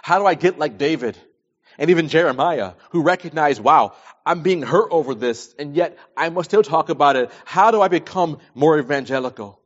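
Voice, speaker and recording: A man in his early forties preaches a sermon in a slightly high voice with lively intonation and a moderate pace. He speaks emphatically, repeating phrases for stress, mixing scripture readings with plain advice. The recording is dull and lo-fi.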